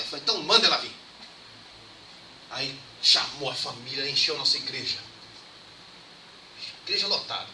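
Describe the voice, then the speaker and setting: A young man preaching as a pastor, telling stories in a lively way and acting out the dialogue. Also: mid-range voice. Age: young adult. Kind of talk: storytelling sermon. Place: church. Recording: echoey church hall, mic far off, background noise.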